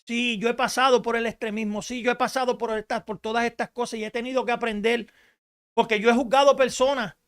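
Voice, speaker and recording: A woman preaching a radio sermon in an emphatic style, rising to shouts and asking rhetorical questions. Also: fairly high pitch, steady tone, a little fast.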